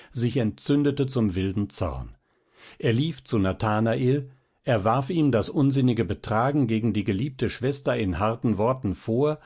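Low-pitched male narrator for a dramatic classic audiobook. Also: a little mellow. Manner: measured, dramatic storytelling. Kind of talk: audiobook reading of classic fiction.

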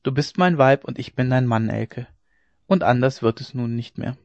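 A man's voice: mid-range voice, normal speed, dry recording, close to an everyday voice. A man voicing a steadfast young dike master. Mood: reassuring. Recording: dry, dull lo-fi recording.

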